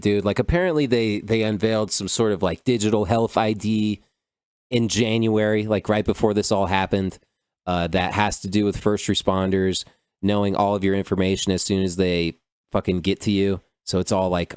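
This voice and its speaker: A man hosts a solo podcast, riffing on news stories in a loose, profane, rambling style packed with "dude" and "like." His low-pitched voice is smooth with a darkish tone, recorded at studio quality with no room sound.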